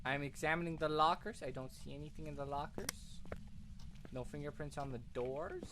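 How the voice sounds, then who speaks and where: A streamer chatting casually and excitedly while playing a game with a friend. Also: medium pitch, a little fast, background noise. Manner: excitable, animated, joking. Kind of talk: casual gameplay chat.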